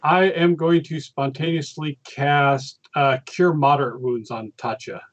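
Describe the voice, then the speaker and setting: A man's voice: a little high, steady tone, measured pace. Hesitant man on dull lo-fi audio. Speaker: tabletop game player. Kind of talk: casual game discussion.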